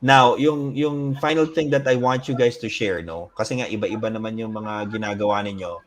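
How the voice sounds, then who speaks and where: A man's voice: on the low side, steady tone, a little fast, a little hiss or hum. A man with a Filipino accent hosting a casual online interview, chatty and mixing English with Filipino. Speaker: host.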